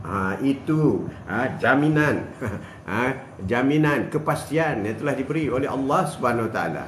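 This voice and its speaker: Animated older man preaching in echoey room. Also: mid-range voice, normal speed, a little hiss or hum. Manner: animated, full of rhetorical questions and "ha" fillers; jokes with people in the room. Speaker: religious speaker. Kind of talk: casual religious talk. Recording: roomy echo with faint ambience.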